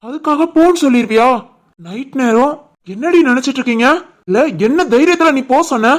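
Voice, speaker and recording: A woman voicing a young husband and son in an animated family drama, scolding and stern, with a Tirunelveli Tamil accent. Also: high voice, a little fast. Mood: angry. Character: young husband and son, short-tempered man.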